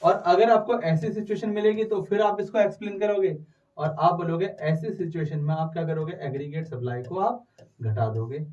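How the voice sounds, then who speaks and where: A man teaches economics to a live online class, pressing his students for quick answers. His voice sits high for a man. The sound is dull and a little distant from the mic. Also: darkish tone. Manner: urges students to answer quickly, mixing Hindi and English terms.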